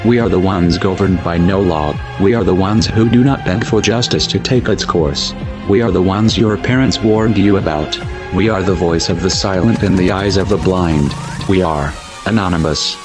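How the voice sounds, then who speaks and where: A man with a disguised, pitched-down deep voice delivering a solemn, declamatory scripted narration. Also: moderate pace. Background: music.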